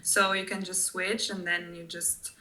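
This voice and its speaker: A woman's voice: lowish voice, little pitch movement, measured pace, pushed and bright, low-quality recording. A young woman from Germany with a German accent, chatting casually as an interview guest and laughing often between direct answers. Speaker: guest, former tour guide.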